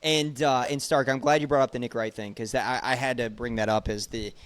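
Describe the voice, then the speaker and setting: Young dude hosting a sports podcast, emphatic, reels off scores, mid pitch. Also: male voice, steady tone, fairly quick, fairly bright tone, dry recording. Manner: emphatic, rattles off stats. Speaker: podcast host. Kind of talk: casual sports podcast chat.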